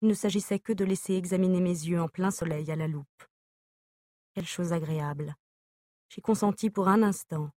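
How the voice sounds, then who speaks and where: Brief: woman audiobook reader, measured letter reading, lowish voice, dry close sound. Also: mellow, no room sound. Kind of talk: reading an epistolary novel aloud.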